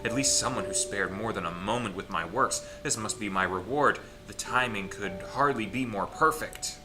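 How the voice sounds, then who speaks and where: Over game music, a man with a lowish voice hosts a group let's play, reading a visual novel aloud at a moderate pace. He performs the text theatrically but keeps breaking off for casual, joking asides.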